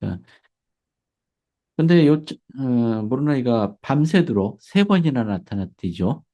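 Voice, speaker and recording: A man's voice: mid-range voice, big pitch swings, warm tone, highs cut off. Chatty man teaching, slurred sibilants. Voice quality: slightly slurred sibilants from dental braces. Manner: chatty, fills pauses with "예", chuckles often. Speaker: church history teacher. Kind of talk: casual spoken lesson.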